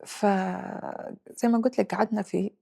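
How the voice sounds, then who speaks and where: A Libyan-accented woman in her forties tells her story in an interview. She is reflective and halting, slipping English phrases in as she goes. Her voice has a gravelly, creaky texture. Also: medium pitch, steady tone, warm tone. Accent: Libyan Arabic. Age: 40s. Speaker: guest. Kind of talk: personal interview.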